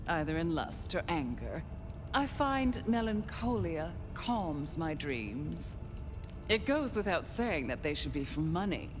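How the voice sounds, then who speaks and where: An actress playing a haughty, eccentric ancient vampire in a video game, languid and condescending, given to dreamy reverie. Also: female voice, on the low side. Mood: fastidious, condescending. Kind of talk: dramatic video game acting.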